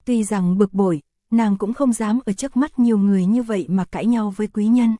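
A woman narrating an audiobook in a steady, even storytelling manner. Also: mid-range voice, fairly quick, no room sound. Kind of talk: scripted narration.

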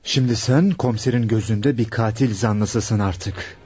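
An actor playing a young fiancé in a radio drama, earnest and reassuring. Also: male voice, lowish voice, unhurried, lightly acted. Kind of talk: 1960s Turkish radio drama acting. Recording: dull lo-fi dry archive radio recording.

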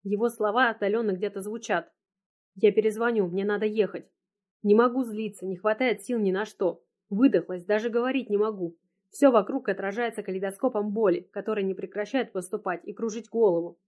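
A woman narrating an emotional first-person story in an audiobook. Her voice sits at a middling pitch and her storytelling is tense. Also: brisk, a little mellow.

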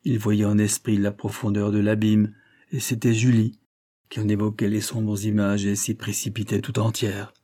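A man narrating a classic novel in a steady, measured storytelling voice. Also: fairly low pitch. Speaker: audiobook narrator. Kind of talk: scripted literary narration.

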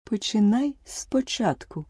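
A woman voicing a pompous, flustered old male king in an audiobook, speaking slowly and ponderously. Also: on the high side, animated, warm tone, slightly rough, dry recording, clean studio sound, pitched above the performer's own voice, full character voice. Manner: slow and ponderous. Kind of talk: audiobook character voice.

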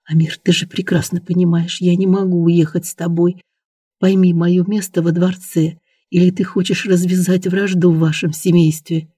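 An anxious young noblewoman in a storybook, soft and pleading, as a man reads her lines. The voice sits a little high for a man and hardly rises or falls. It is mellow and dry. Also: level tone, normal speed, husky, no echo.

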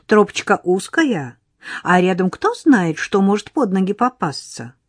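A woman's voice: mid-range voice, very animated, measured pace, no echo, clean studio sound, voice pushed up. A woman reading an audiobook voices a cheeky, chattering little village girl who is sly and bossy. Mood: lively. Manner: giggly, chattering, mock-serious. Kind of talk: audiobook character voice.

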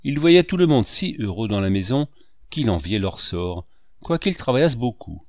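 A man narrates a classic children's story with a lively, rising and falling voice. The reading is expressive and carefully paced. The recording is dry and close to the mic. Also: medium pitch, normal speed, no echo. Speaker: audiobook narrator.

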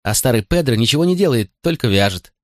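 A man's voice: mid-range voice, animated, fast talker, no echo, studio quality, pitched above the performer's own voice, lightly acted. A man reading an audiobook voices a frightened young boy who pleads through tears with his stern father. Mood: timid, tearful. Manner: sobbing, pleading. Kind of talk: audiobook character voice.

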